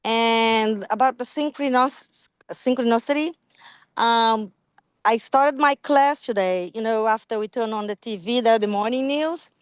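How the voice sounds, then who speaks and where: A woman who teaches school, sharing her thoughts in a class in an earnest, halting way. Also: fairly high pitch, clean tone, dry recording. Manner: grateful, earnest, halting with fillers.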